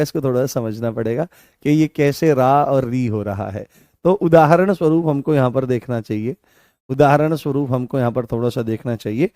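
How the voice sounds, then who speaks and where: A man with a mid-range, dark-toned voice teaches a live online Hindi grammar class for exam candidates, speaking with a Rajasthani Hindi accent. He repeats his points, poses questions and answers them himself, and sometimes sings lines. The recording is dry, with clean studio sound.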